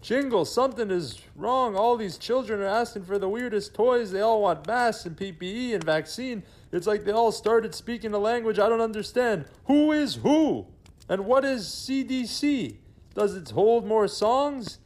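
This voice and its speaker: Guy doing santa all confused and flustered, high voice, comedy sketch. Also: expressive, normal speed, darkish tone. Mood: baffled. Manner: bewildered, exclaiming. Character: flustered jolly Santa Claus, old man.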